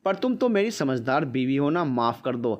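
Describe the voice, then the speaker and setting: A man voicing a quick-tempered young husband who coaxes his wife. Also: mid-range voice, big pitch swings, lightly acted. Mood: coaxing. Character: young husband, hot-tempered then apologetic.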